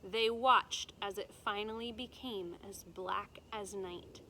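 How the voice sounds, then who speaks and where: Slight background noise and a rough recording surround a medium-pitched woman teacher. She reads a storybook to children deliberately and expressively, stopping to explain things to her students.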